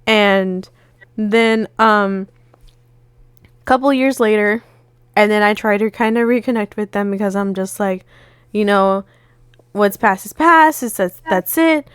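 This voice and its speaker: Another woman co-hosting a laid-back conversation drifts through a long story, performing the quoted exchanges. She speaks unhurriedly at a medium pitch, pausing often, in a clean tone captured at studio quality with no room sound.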